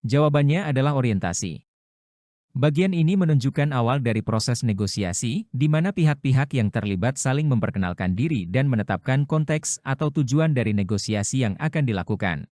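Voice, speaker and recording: A man's voice: medium pitch, animated, a little fast, darkish tone, no room sound. Man reading quiz answers, dry sound. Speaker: teacher reading practice questions.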